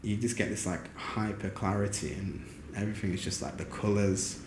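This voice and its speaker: A photographer from Huddersfield, England, chats as an interview guest in a relaxed, rambling way, full of fillers and "do you know what I mean". His voice is fairly low at normal speed, recorded in an echoey studio room with clear background noise.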